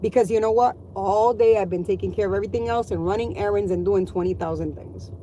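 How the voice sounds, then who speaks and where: A woman's voice: medium pitch, fast, dark tone, slight background noise, low-quality recording. A middle-aged woman and mother venting to her viewers in a blunt, profane, exasperated rant. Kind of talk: ranting vlog monologue.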